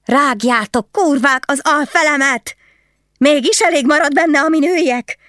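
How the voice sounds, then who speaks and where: A woman reader voicing a coarse fiddler's wife locked in a cell, begging and screeching curses in a raised, shrill voice. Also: no echo, studio quality, close to an everyday voice. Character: wailing, coarse fiddler's wife, shrieking prisoner. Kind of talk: audiobook character voice.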